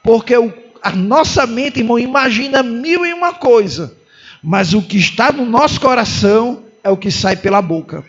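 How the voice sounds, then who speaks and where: A male pastor with a Brazilian Portuguese accent preaches with fervor, hammering points through repetition. His voice sits strikingly high. The recording is dull and lo-fi. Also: lively intonation, normal speed, fairly bright tone, slightly rough. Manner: fervent, emphatic repetition, calls listeners "irmão". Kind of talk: sermon.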